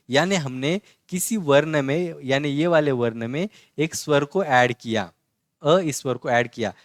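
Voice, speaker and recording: A man with a medium-pitched voice teaches a basic online Marathi lesson, explaining letters on a board. Patient and repetitive, he keeps asking "है ना?" ("isn't it?") and answering himself, spelling each letter slowly and distinctly. The recording is dry with clean studio sound.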